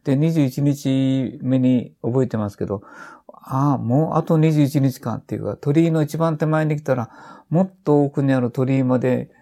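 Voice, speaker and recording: Gravelly older man, rambling storyteller. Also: medium pitch, moderate pace, warm tone. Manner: rambling, with many restarts and trailing phrases. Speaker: author and podcast guest. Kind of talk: casual conversation.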